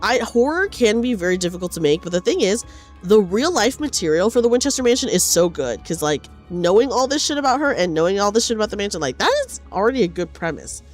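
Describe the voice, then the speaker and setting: Lively woman streaming a game. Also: mid-range voice, fast talker, faint music behind. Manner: expressive, informal, swearing. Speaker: streamer playing a game blind and reading dialogue aloud. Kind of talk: casual livestream chat mixed with dramatic read-aloud of game dialogue.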